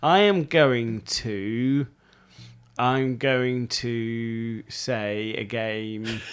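A man's voice: medium pitch, drawn-out words, smooth. A young man co-hosting a gaming podcast, stumbling and restarting his sentences as he thinks aloud. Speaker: podcast co-host. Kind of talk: casual chat.

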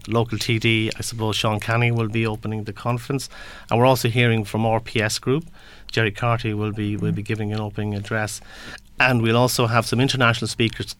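A man from Galway with a west of Ireland accent, explaining things as an interview guest in a halting way, often repeating words as he searches for the next. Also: on the low side, fairly bright tone, dry recording. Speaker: interview guest, construction industry representative.

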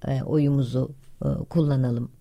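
A woman's voice: a bass voice, fairly even intonation, moderate pace, vocal fry, warm tone. A woman hosting a casual discussion who earnestly urges listeners to vote and not give up.

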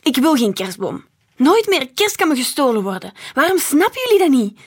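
A woman voicing an angry, grieving eleven-year-old boy who snaps and shouts in a storybook reading. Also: high voice, very animated, moderate pace, voice pushed up. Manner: snapping, shouting.

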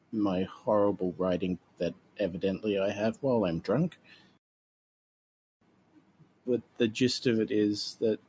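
Awkward young woman adventurer, played by a man, hesitant, low husky voice. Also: darkish tone, rough recording. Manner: hesitant, stumbling.

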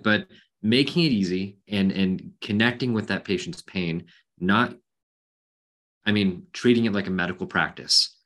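A man hosting a webinar as a coach, talking informally with many fillers over a video call. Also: fairly bright tone. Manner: informal, filler-heavy pitch. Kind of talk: casual webinar talk.

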